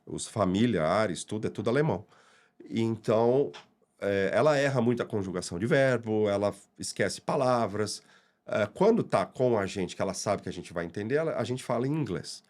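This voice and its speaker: A man with a fairly low voice talks calmly on a podcast. He tells easygoing family anecdotes and slips into the voices of the people he quotes. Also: moderate pace. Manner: relaxed anecdotes, quotes his daughter. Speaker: interviewee, father of two. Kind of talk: casual podcast chat.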